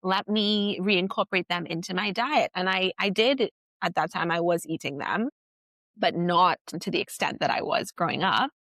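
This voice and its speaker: A woman from Trinidad and Tobago, a guest on a podcast, talks casually and reflectively in an interview. Her voice is on the low side and a bit bright, at normal speed with no room sound, and she is chatty, using lots of "like" fillers and restarting herself often.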